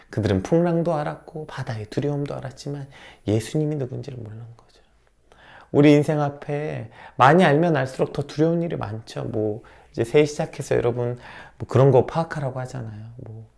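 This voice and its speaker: Gravelly, animated male pastor preaching. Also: a little high. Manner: swings from loud emphatic questions to hushed near-whispers; preaches in rhetorical questions to the congregation. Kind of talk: sermon.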